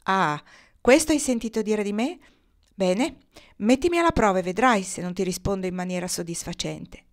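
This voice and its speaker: A woman's voice: medium pitch, lively intonation, moderate pace, natural voice. A woman reading aloud, voicing a proud, haughty noble lady who foretells the future. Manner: read aloud with light character voicing.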